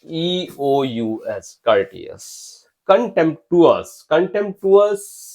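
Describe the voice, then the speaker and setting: A man's voice: fairly high pitch, sing-song, slow, a little mellow. A man teaching English spelling for exams, spelling words letter by letter and urging viewers to comment. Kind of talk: exam-prep spelling lecture.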